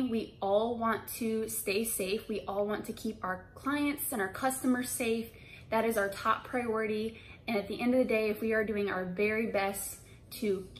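A woman's voice: a little high, poor audio. Chatty young woman talking to camera. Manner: chatty, reassuring, with many fillers and restarts. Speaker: hairstylist and salon owner. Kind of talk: casual vlog talk to camera. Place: empty hair salon indoors.

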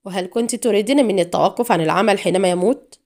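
A woman's voice: mid-range voice, rapid-fire, lightly acted. A woman reading an audiobook, voicing a defiant, sarcastic female agent held captive. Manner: calm, mocking defiance.

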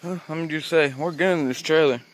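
Speaking briskly over background noise, a teenage farm vlogger rambles casually as he films the barn, the animals and a trailer. He holds his phone at arm's length outdoors and in an open wooden barn, and uses a high baby voice with the animals.

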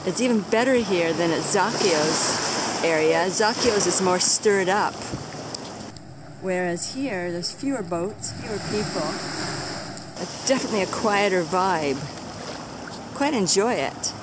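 A woman's voice: on the low side, lively intonation, unhurried, very noisy. A woman vlogging casually as she walks along a sunny beach, chatty and enthusiastic, pointing things out as she goes. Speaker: travel vlogger. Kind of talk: casual walking-tour narration. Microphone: handheld camera while walking. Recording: outdoor beach recording with loud waves. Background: loud surf and waves.

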